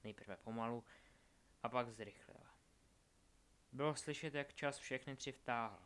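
A male narrator reads a dark fantasy story at a middle pitch. He keeps his delivery low and measured. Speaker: audiobook narrator.

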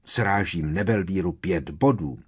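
A man voicing a strict older female professor who scolds in a clipped, sharp way. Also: deep voice, breathy edge. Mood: stern.

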